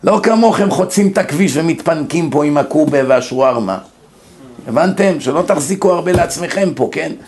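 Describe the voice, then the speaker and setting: A man giving a sermon-style Torah lesson to a class, lecturing in an animated way, with humorous scolding and stories. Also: a little high. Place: class in Brooklyn.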